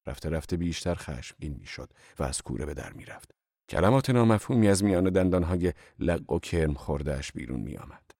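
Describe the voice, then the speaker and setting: A man narrating an audiobook in a measured, even storytelling manner, with a gravelly voice. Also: a bass voice, no echo, studio quality.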